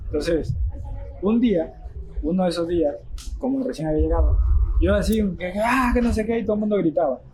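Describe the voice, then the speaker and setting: A man's voice: sits high, brisk, a little mellow. A man telling a story casually, acting out quotes in a raised voice. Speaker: guest telling his boxing story. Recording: noisy background hiss.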